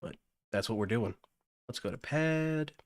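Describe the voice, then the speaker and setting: A man's voice: medium pitch, expressive, a little slow. A man hosting a casual weekly music-making livestream, upbeat, thinking aloud as he works and thanking viewers. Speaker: livestream host. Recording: loud synth music over the voice.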